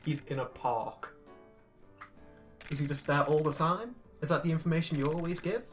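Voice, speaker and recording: A man's voice: fairly high pitch, normal speed. Man, let's play co-host, wry, teasing, casual gaming chat, faint music behind.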